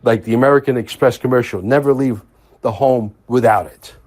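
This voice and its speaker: A man's voice: medium pitch, a little fast, darkish tone. A man hosting a podcast in a casual monologue, emphatic and repeating phrases for stress. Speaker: podcast host.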